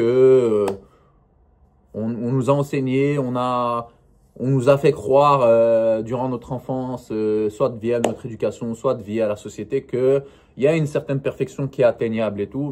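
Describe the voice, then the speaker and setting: A man's voice: mid-range voice, a little mellow, a little hiss or hum. A man talking casually to camera in a vlog, rambling and hesitant, full of fillers and restarts. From not northern France. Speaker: vlogger. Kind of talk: casual solo vlog monologue.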